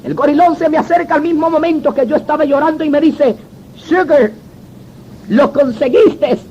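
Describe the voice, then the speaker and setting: A man with a strikingly high voice recounts his conversion as a former gang member, telling it with dramatic storytelling and speaking to the listener as a brother. The audio is dull and lo-fi, with a faint hiss underneath. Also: fairly even intonation, fast, a little mellow. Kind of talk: religious conversion testimony.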